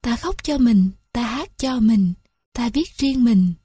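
A woman's voice: on the high side, expressive, takes it slowly, dark tone, husky. A woman narrating a literary story in a lyrical, mournful reading.

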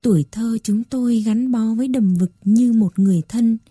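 A woman narrating a story in a soft, even, scripted reading. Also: fairly high pitch, normal speed, slightly rough, no echo, studio quality.

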